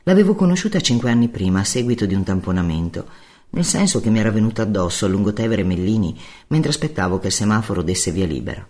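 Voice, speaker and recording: A male narrator reads a first-person novel aloud, his voice moving up and down in lively swings. He tells it wryly and laconically, with dry understatement. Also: on the low side, fast talker. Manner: wry, laconic storytelling.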